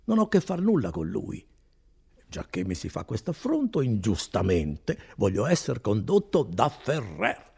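A man voicing an indignant young peasant who protests loudly, his voice raised. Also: fairly low pitch, wildly swooping pitch, unhurried, creaky, slightly rough, exaggerated voice. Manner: loud, raised and exclaiming.

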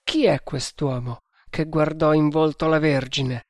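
A man's voice: on the high side, steady tone, unhurried, no echo, studio quality, lightly acted. A man doing an indignant zealot. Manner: indignant, exclaiming. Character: zealous male cult follower, indignant.

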